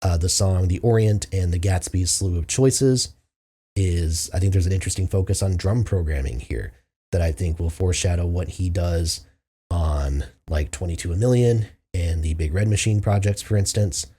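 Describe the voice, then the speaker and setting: Male music reviewer, low and mellow, casual filler-heavy delivery. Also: moderate pace, slightly rough. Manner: loose, filler-heavy, thinking aloud. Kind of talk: casual album review monologue.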